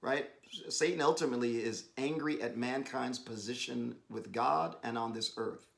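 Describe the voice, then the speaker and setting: A man giving a devotional talk with his wife, exhorting and emphatic, rising to bursts of excitement, speaking over a video call. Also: medium pitch, moderate pace, gravelly. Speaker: husband co-hosting a devotional. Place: home, joining an online meeting.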